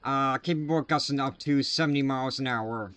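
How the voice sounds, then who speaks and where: A man runs a live severe weather stream from his desk mic. His delivery is casual and halting, full of filler sounds, at an ordinary mid pitch. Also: pushed and bright. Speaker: livestream weather host.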